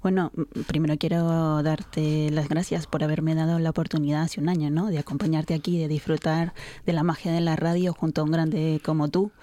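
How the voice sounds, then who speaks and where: A woman's voice: deep voice, flat delivery, a little fast, hardly any pauses, dark tone. A Venezuelan woman co-hosting a radio show, presenting her guest with enthusiasm. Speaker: radio co-host. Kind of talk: casual radio chat.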